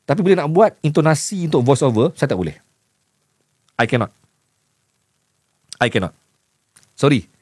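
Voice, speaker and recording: A man's voice: fairly high pitch, big pitch swings, normal speed, pauses often, a little mellow, breathy edge, no room sound, clean studio sound. A man with a Malaysian Malay accent who stutters and repeats words, a news journalist chatting candidly to camera and mixing in English. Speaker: news journalist and voice-over producer. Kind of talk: casual talk to camera.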